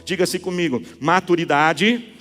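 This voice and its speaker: Brazilian pastor preaching with high pitch. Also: male voice, unhurried, a bit bright, long reverb tail, soft background music. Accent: Brazilian Portuguese. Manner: storytelling with rhetorical questions to the congregation. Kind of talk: sermon. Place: church sanctuary.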